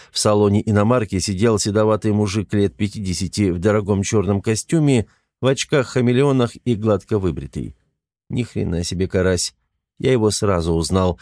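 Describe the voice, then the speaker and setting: A man narrating a first-person audiobook in an even, restrained, matter-of-fact delivery. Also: on the low side, no room sound, studio quality.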